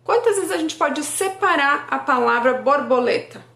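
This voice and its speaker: A woman speech therapist, calmly explaining word games for children and slowly stretching out example words. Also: high-pitched, gravelly. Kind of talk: educational talk for parents. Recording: echoey room.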